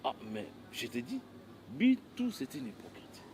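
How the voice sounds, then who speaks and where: A man's voice: mid-range voice, huge pitch swings, measured pace, darkish tone, slight background noise. A man playing an indignant man who rants about two louts in a film. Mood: ranting. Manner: indignant, ranting. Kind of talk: Congolese film acting.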